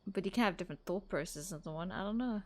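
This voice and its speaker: Here a young woman streamer with a lowish, slightly mellow voice talks fast over a game, giggling and saying "like" a lot. It's casual let's-play chatter, and there's a little hiss or hum in the recording.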